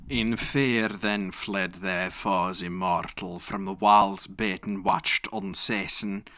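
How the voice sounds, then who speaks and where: A man solemnly and dramatically reciting epic verse in a reconstructed Elizabethan English accent, with measured, declamatory delivery. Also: sits low, bright, forceful tone, no echo, clean studio sound. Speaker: poetry reciter.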